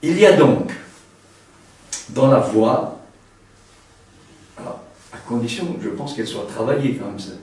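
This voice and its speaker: A man's voice: medium pitch, expressive, a little mellow. Guy singer giving a seminar, stop-start delivery, super roomy sound, far from the mic. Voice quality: trained singer's voice, a tenor. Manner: halting, frequent restarts and tag "hein". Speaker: seminar lecturer. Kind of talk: spoken seminar lecture. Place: seminar room. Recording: very echoey room, mic far off.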